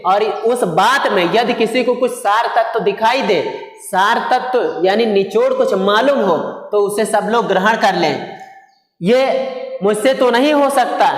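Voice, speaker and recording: A Hindi teacher explaining a poem for exam students, who asks questions, answers them and rephrases each point with synonyms. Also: mid-range voice. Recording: echoey room with long reverb.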